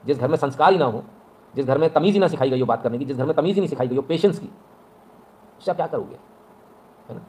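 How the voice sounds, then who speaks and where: Fast-talking Hindi-accented man lecturing. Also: medium pitch, warm tone, slight background noise. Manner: lectures bluntly, keeps asking "है ना?". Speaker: online news commentator. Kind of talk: fast animated monologue giving advice.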